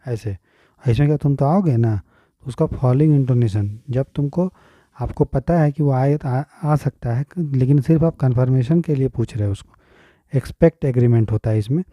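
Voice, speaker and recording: Mellow-voiced Indian man teaching grammar. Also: medium pitch, normal speed, no room sound. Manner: explains step by step, often checking "clear?". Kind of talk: exam-prep grammar lesson.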